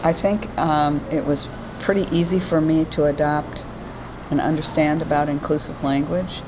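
Older clergywoman in her 70s, very low voice, halting and reflective, noisy hiss behind. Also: fairly even intonation. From New York State. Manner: thoughtful, halting with many fillers. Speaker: retired pastor. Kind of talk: oral history interview.

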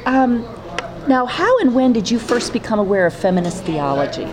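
Lively, encouraging female interviewer. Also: fairly high pitch, moderate pace, crowd noise. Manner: encouraging, affirming. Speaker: oral history interviewer. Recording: noisy background hiss.

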